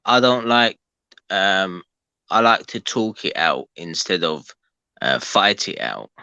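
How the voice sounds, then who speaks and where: Man, low bright voice, dry close sound, hesitant casual chat on a call. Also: lively intonation, takes it slowly, vocal fry, smooth, no echo, lo-fi sound. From London, England. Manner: hesitant, many ums and restarts.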